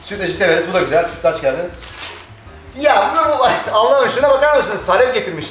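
Excited fast-talking Thracian Turkish man. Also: sits high, echoey room, soft background music. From Turkey. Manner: excited, chatty, laughing often. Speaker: vlog host. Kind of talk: casual vlog chat.

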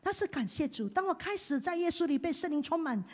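A woman pastor preaching a sermon. She swings from hushed to loud and leads the congregation in call-and-response. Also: extremely high pitch, lively intonation, fast talker.

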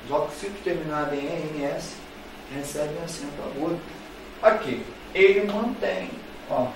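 A man's voice: a little high, normal speed, background noise. A man with a Brazilian Portuguese accent teaching a grammar lesson, playful and repetitive, speaking straight to his students. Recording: very echoey room, voice far from mic.

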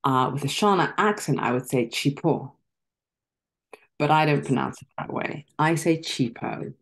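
Speaking from a dimly lit room at home, a middle-aged actress from Zimbabwe joins a casual interview by video call. Her low, slightly rough voice runs a little slow, articulate and thoughtful, punctuated by gentle laughter and filler ums.

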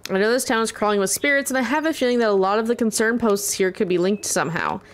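A woman's voice: fairly high pitch, fast talker, pitched above the performer's own voice, lightly acted. A woman reading aloud the lines of a bossy, money-hungry cat spirit in a video game, in a sarcastic, condescending way.

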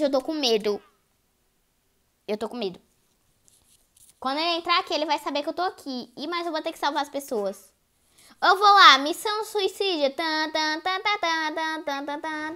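A woman's voice: high voice, sharp tone. A woman giving live gameplay commentary as a YouTuber, jumpy and easily frightened, shrieking at scares and constantly talking to her viewers. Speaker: gaming YouTuber.

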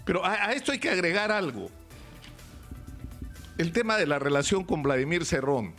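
A man's voice: sits high, animated, normal speed, a bit bright, faint music behind. An older man with a Peruvian accent giving emphatic live opinion commentary in a small radio studio, close to a stand mic, gesturing and firing off rhetorical questions. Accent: Peruvian Spanish. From Peru.

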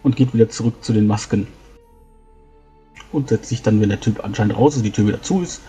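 Fast-talking man with a low, mellow voice. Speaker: tabletop game player. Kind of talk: casual narration of his character's actions. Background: faint music.

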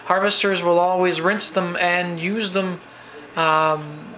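A man's voice: sits high, slow pace, low-quality recording. Rambling man from New cooking. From New Brunswick, Canada. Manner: relaxed, rambling, many fillers and restarts. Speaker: home cook. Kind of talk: casual cooking vlog. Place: home kitchen. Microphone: handheld camera.

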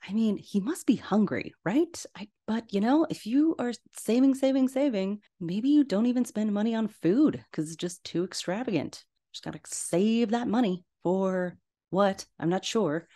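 A woman podcast host, retelling a cartoon scene by scene in a lively, playful way and acting out the characters' lines. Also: medium pitch, moderate pace. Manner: animated, playful storytelling with acted-out quotes. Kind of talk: casual film recap.

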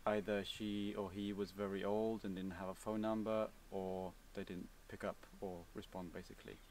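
A young man with a Swedish accent answers viewer questions outdoors in a relaxed, hesitant way, with many fillers and restarts. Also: fairly low pitch, normal speed, far from the mic, a little hiss or hum. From Sweden. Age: young adult. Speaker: vlogger. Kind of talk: casual Q&A answers. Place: outdoors, seated on a cabin bench by woods.

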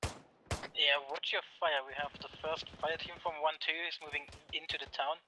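Man heard over a radio, halting squad callouts with gunfire behind. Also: fairly high pitch, little pitch movement. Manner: halting, with many "uh" pauses. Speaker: squad member in a military game. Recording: gunfire noise in the background. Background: gunfire from the game.

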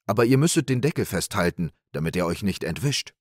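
A man's voice: sits low, big pitch swings, fairly quick, dry recording, studio quality. A man voicing a sly, cheerful young peasant trickster in an audiobook fairy tale, in an eager, persuasive manner.

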